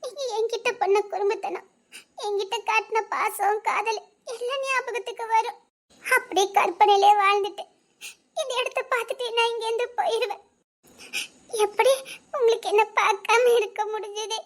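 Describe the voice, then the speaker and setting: A woman's voice: very high voice, fairly even intonation, moderate pace. A woman playing a wistful grieving widow. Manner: wistful, tearful, half-laughing. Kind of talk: cartoon voice acting.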